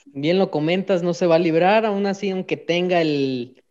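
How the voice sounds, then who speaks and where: A man's voice: high voice, moderate pace, a little mellow. A man, a radio co-host asking playful, teasing questions. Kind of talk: radio interview hosting. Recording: dull lo-fi sound.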